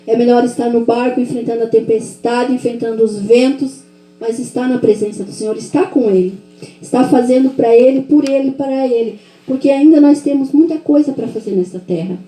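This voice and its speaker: A woman's voice: fairly high pitch, fairly quick, dark tone, roomy sound, rough recording. A woman from Brazil giving a sermon testimony in a fervent, repetitive preaching cadence. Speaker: church speaker giving testimony.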